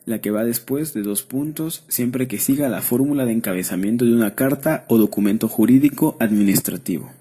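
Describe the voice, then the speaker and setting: A man with a Mexican accent reads grammar rules and lists of example words at a steady, measured pace. His voice is dark and mellow, with a husky edge. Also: mid-range voice. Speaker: student presenter. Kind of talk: read-aloud lesson narration.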